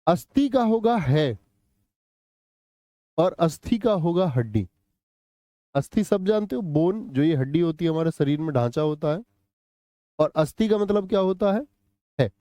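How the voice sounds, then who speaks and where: A man's voice: on the high side, lively intonation, a little slow, long pauses, mellow, dry recording. A man teaching a live online Hindi exam-prep class, quizzing students with repeated questions and answering chat messages.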